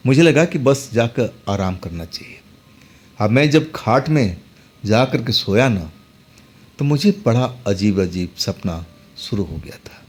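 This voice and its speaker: Husky man telling a horror story. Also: medium pitch, darkish tone. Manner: dramatic, conversational. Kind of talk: first-person horror story narration.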